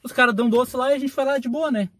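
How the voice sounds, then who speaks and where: A man's voice: very high-pitched, a bit bright. A young man from southern Brazil telling a rambling, slangy story in casual podcast chat. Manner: rambling, slangy, quick anecdotes with frequent "tá ligado". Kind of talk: casual storytelling among friends.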